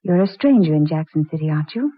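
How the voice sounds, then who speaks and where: An actress playing a prim, stern small-town librarian in a 1940s radio drama, cool and precise. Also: female voice, deep voice, lively intonation, quick pace, no room sound. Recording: thin, tinny old radio recording.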